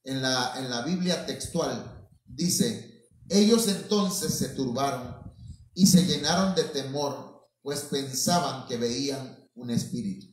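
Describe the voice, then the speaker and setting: A man preaching a sermon in a slow, halting way, often stopping to address his listeners as brothers. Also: medium pitch, darkish tone. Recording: very echoey, from far off the mic.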